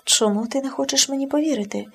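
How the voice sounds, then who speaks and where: A woman's voice: high voice, quick pace, vocal fry. A woman reading as a tearful pleading friend. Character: remorseful young woman begging forgiveness.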